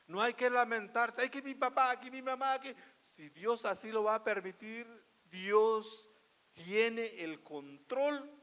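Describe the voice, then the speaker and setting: A man preaching a sermon as pastor, emphatic and full of rhetorical questions, his delivery swinging between loud and hushed. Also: sits high. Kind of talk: Spanish-language sermon. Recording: long hall reverb.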